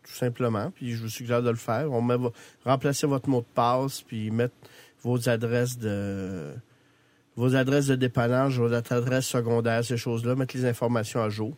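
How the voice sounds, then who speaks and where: A man's voice: mid-range voice, steady tone, moderate pace, a little mellow. A man with a Quebec French accent informally explaining technology as an expert guest on a radio show. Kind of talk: informal explanation, answering callers. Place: radio studio.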